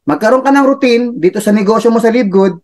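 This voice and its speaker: A man's voice: high voice, fast talker, darkish tone. Chatty man giving a motivational talk. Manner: chatty, laughs, tag questions. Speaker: motivational speaker for a business club.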